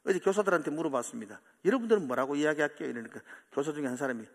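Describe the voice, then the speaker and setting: Animated Korean pastor preaching. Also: male voice, a little high, rapid-fire, in a large hall. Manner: animated, acting out quoted taunts and pleas. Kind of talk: sermon. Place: church sanctuary.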